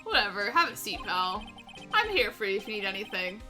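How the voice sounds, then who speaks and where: A woman reading the lines of a gruff, loyal male police detective aloud while playing a game, with a folksy habit of calling everyone pal. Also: mid-range voice, very animated, brisk, music in the background, voice pushed down, lightly acted.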